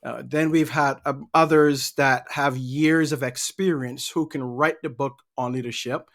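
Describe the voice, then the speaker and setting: A middle-aged man from Barbados talks casually as a guest on a podcast. His pitch sits in the middle of the range for a man. He answers at a relaxed pace and often repeats a word or two while he gathers his thoughts. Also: a little slow. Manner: easygoing, repeats words while thinking. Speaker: guest, leadership trainer.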